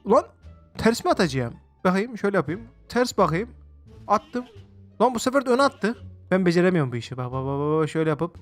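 A man excitedly commenting on his own gameplay, exclaiming often and chatting to his viewers as he plays. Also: sits high, fairly quick, soft background music. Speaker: gaming video host. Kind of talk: let's-play game commentary.

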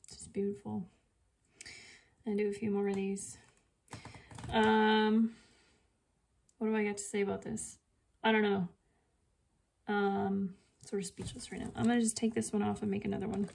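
Chatty woman with a gravelly voice. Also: medium pitch, level tone, moderate pace, long pauses, darkish tone, slight background noise. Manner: chatty, muttering asides to herself. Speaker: art video creator. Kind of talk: casual painting demonstration.

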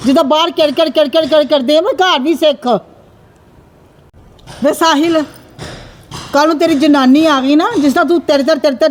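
A woman playing a sharp-tongued aunt in a family skit, lecturing and scolding with quick retorts. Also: sits high, close to an everyday voice. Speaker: aunt Manju scolding the son. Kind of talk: amateur family skit acting. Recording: faint background noise.

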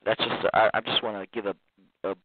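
A man's voice: fairly low pitch, flat delivery, fast talker, heavy background noise. Rambling man on a tinny phone line. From Iran. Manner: rambling, laughs often, many restarts. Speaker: guest. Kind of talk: casual interview talk.

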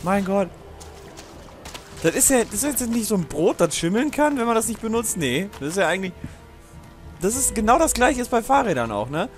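A man's voice: sits high, big pitch swings, fairly quick, long pauses, soft background music. A man hosting a let's play, giving casual gaming commentary in a chatty, digressive way with frequent swearing and laughter.

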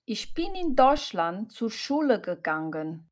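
A woman voicing a male student in a slow scripted learner dialogue, telling his story plainly. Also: mid-range voice, big pitch swings.

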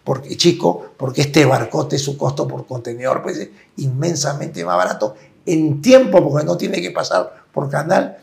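A man's voice: a little high, lively intonation, normal speed, vocal fry. A man, a guest in a conversational interview, explaining his points at length and often tagging them with a check-in question. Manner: explanatory, tags points with "¿no es cierto?".

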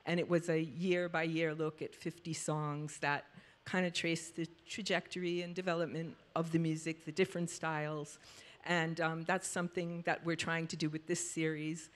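A woman who is a journalist and board member, opening the evening on stage with measured remarks and pauses, speaking into a handheld mic. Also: low-pitched, flat delivery. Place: library auditorium stage with audience.

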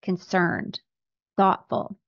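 Speaking extremely slowly, a middle-aged woman podcaster is close-miked on a boom-arm studio microphone, giving dry, dull audio without echo. She delivers a faith-based monologue teaching scripture from a small indoor home office with bookshelves.

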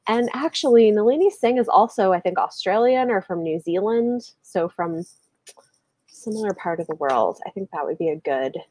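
Animated and speaking at normal speed, a woman in her thirties who hosts a book channel talks books casually on a live video call. Her medium-pitched voice is a little mellow, captured through earbuds with no room sound in a small room full of bookshelves; she hedges and says "like" often.

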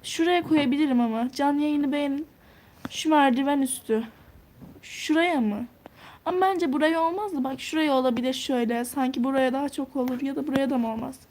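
Teen girl streamer, high-pitched, casual and chatty, thinks out loud while reading comments. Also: fairly quick, slight background noise. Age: teens. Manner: chatty, answers viewer comments one by one; thinks out loud while touring a game house. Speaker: live streamer.

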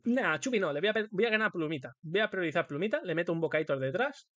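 A man's voice: sits high, animated, fast, a bit bright, no room sound. A man with a Spain Spanish accent giving playful, singsong, crude live commentary as a streamer while he plays a game.

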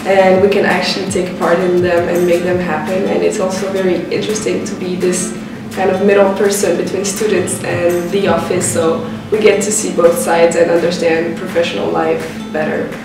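A woman's voice: lowish voice, little pitch movement, normal speed. A young woman from France, a third-year architecture student describing her school day in a matter-of-fact way. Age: young adult. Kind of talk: casual interview. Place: architecture studio indoors. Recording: very echoey room from a distance, music over.

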